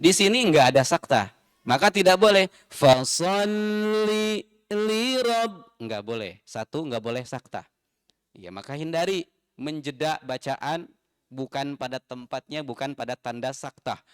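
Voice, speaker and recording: A man's voice: mid-range voice, lively intonation, moderate pace, a bit bright, no echo, clean studio sound. A man teaching Quran recitation in a mosque, patiently repeating and spelling out each sound. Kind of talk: tajwid lesson.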